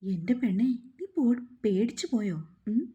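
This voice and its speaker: A woman's voice: fairly high pitch, expressive, unhurried, mellow, muffled recording. A woman voicing a young husband who is teasing, domineering and slurring from drink. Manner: commanding, slurring tease.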